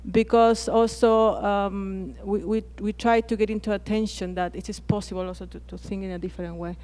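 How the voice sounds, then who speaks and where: A woman with a Chilean Spanish accent speaks English as a second language at a conference plenary. She talks in a hesitant way, often stopping and restarting her phrases, in a middle-pitched voice. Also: little pitch movement, moderate pace, darkish tone. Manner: hesitant, frequent restarts and fillers. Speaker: panelist. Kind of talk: conference panel talk.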